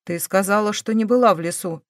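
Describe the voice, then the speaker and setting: A woman voicing a calm, stern male police investigator who presses with measured questions. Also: medium pitch, dry recording, clean studio sound, lightly acted.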